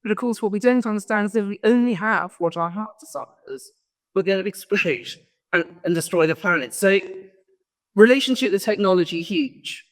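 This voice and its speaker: A woman with a medium-pitched voice speaks at a moderate pace, giving an informal conference talk as a guest speaker. She tells her stories in a rambling way and often interrupts herself. The recording has the long reverb of a large event hall.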